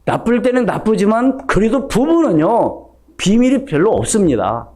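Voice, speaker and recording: A man's voice: high voice, very animated, normal speed, darkish tone. A middle-aged male pastor giving a conversational Sunday sermon, acting out snippets of everyday dialogue. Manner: conversational preaching, acts out gossipy dialogue.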